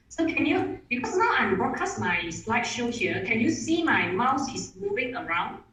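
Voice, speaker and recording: A webinar speaker whose first language is Mandarin gives an online presentation, her slightly high, a-bit-bright voice sounding off-mic, as if from across a room. Every phrase is ringed with echo from the distant room audio, and she eagerly restarts her sentences.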